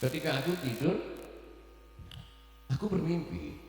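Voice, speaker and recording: A preacher playing a gentle young princess. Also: male voice, on the high side, sing-song, measured pace, slight background noise, voice pushed up. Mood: gentle recounting. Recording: echoey hall, far mic, faint music.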